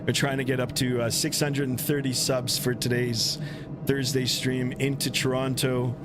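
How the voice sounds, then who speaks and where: A man hosts a flight simulator livestream, commenting casually in halting phrases full of pauses. A steady aircraft engine rumble runs behind his voice throughout.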